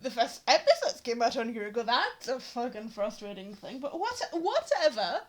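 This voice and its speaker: High-voiced exasperated woman ranting. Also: very animated, normal speed. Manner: exasperated, swearing, many fillers. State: voice cracking. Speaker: fan commentator. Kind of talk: ranting vlog commentary.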